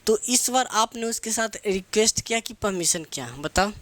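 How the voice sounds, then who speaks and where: In a dry recording, a man with a high, fairly bright voice lectures animatedly at a normal pace. He drills English grammar terms for competitive exam students, asking and then answering his own questions in Hindi laced with English phrases.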